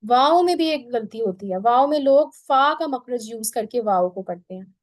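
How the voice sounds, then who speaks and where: A woman teaching Quran pronunciation in an online lesson, patiently drilling each sound by repeating it slowly. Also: fairly high pitch, animated, dry recording.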